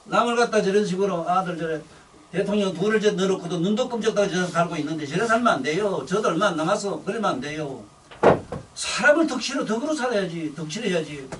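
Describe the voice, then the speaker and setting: Older busan-accented guy preaching, blunt and scolding, high voice swinging all over, mic a bit far off. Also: expressive, fast, a bit bright, a little hiss or hum. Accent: Gyeongsang (Busan). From Busan, South Korea. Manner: blunt, scolding, coarse-spoken. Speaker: Buddhist dharma teacher. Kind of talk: rambling sermon.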